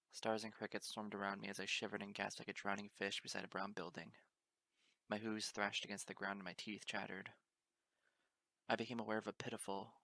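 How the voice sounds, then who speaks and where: A man narrating a fan-fiction audiobook in the first person, reading in a steady, dramatic way. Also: fairly low pitch, vocal fry, no room sound. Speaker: audiobook reader.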